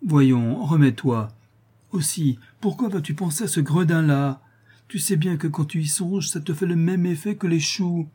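A man voicing an excitable, doting old woman concierge who fusses in a shrill, fretful voice. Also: moderate pace, slightly rough. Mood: coaxing. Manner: shrill, fretful, fussing endearments.

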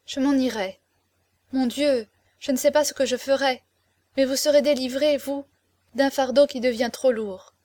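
An imploring young woman, tender and close to tears, as a woman reader puts her on, her voice lifting higher as she pleads. The reading is dry and close, with no room around it, in the manner of a storybook told aloud. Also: fairly even intonation, normal speed, dark tone, no echo, close to an everyday voice. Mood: reproachful. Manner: emotional, imploring, tearful. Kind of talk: audiobook character reading.

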